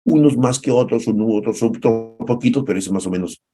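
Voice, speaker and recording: A man's voice: fairly low pitch, fairly quick, mellow, soft background music. A male pastor preaching a devotional sermon, impassioned and urgent, firing rhetorical questions and repeating words for emphasis.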